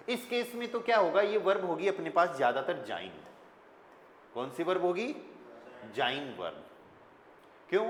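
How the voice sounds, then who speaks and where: A man with an Indian accent teaching a class, quizzing his students and spelling words out letter by letter. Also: a little high. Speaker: German teacher. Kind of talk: classroom lesson. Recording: echoey classroom with long reverb, faint room noise.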